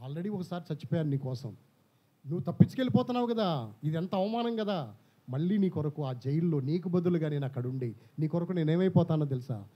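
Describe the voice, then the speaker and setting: A man's voice: on the high side, expressive, a little fast. A man preaching, voicing the Lord with earnest pleading that keeps repeating a name. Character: the risen Lord, grave and pleading. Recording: slightly dull church recording.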